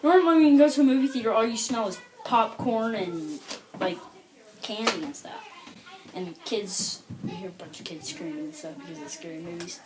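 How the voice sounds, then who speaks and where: A woman's voice: medium pitch, animated, normal speed, background noise. A woman telling a rambling stand-up comedy story, full of filler words like "like" and "you know".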